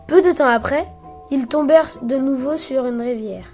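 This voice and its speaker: A woman narrating a children's adventure story aloud in a lively, brisk storytelling manner. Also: sits high, soft background music.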